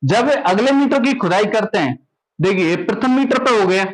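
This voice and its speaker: A young man with a high voice gives a maths lesson. He keeps asking his students questions, repeats them, and then answers himself in a steady classroom rhythm. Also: normal speed, poor audio. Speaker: maths teacher.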